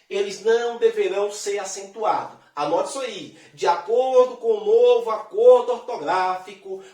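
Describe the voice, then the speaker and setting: Lively male teacher in an echoey room. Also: high voice. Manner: lively and chatty, addresses the viewer directly, draws out example words. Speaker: Portuguese teacher. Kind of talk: grammar lesson. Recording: echoey room, distant mic.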